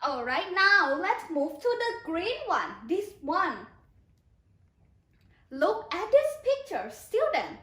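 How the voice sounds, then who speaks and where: High, lively Thai woman teacher, hoarse. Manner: slow, sing-song prompting with repeated questions. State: hoarse, losing her voice. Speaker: kindergarten English teacher. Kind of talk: online children's lesson. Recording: echoey room.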